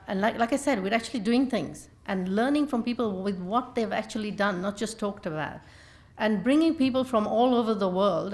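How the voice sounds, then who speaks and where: A woman from India moderating a conference panel in a chatty way, with many fillers. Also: medium pitch.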